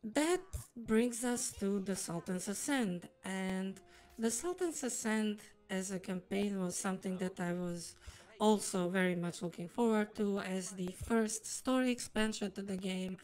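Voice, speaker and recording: A woman's voice: medium pitch, measured pace, a little mellow, rough recording. A woman speaking through a voice changer, giving a rambly personal game review in formal, wordy phrasing. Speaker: streamer and video reviewer.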